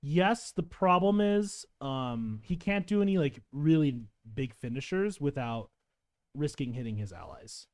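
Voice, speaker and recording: A man chatting at a tabletop game, joking and tossing out quick asides while he plans his moves. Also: fairly high pitch, expressive. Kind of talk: casual tabletop chat.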